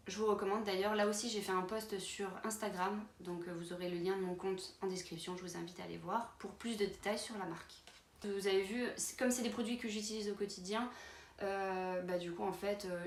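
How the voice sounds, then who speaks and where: A woman vlogger chatting casually through her travel toiletries, with many fillers and restarts. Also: medium pitch. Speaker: beauty vlogger. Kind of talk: casual product walkthrough. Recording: roomy with faint background noise.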